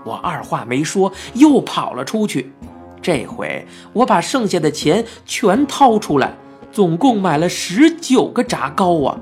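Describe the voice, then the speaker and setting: A narrator telling a children's story in the first person, with lively and expressive delivery. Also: medium pitch, unhurried. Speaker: audiobook narrator. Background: faint background music.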